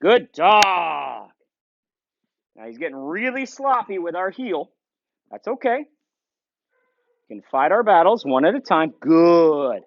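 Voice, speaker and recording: A man giving a dog training lesson in a shop, calmly explaining between short commands to the dog. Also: sits high, normal speed, long pauses, highs cut off. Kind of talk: instructional training video. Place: indoor shop.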